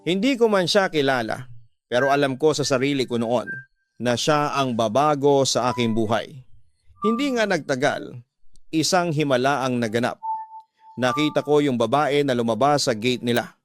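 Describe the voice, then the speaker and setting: A man's voice: mid-range voice, lively intonation, moderate pace, slight background noise. A man reading a listener's love story aloud in an earnest, confessional first-person narration. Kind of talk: scripted narration. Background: music.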